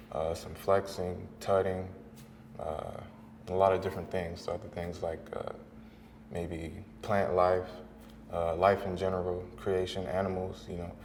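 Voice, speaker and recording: A male dancer from the United States introducing himself casually, relaxed and full of fillers. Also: low voice, a little hiss or hum. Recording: hall with long reverb.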